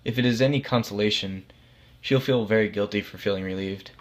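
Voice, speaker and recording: A man voices God in an acted storybook scene, playing him as a casual, reassuring authority who explains things patiently and matter-of-factly. His voice is fairly low and close to an everyday voice, with a slightly fast pace and a calm mood.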